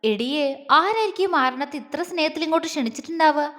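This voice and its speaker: Woman doing curious hot-tempered girl, questioning, high voice, echoey. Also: lively intonation, fairly bright tone. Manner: questioning, quick to anger.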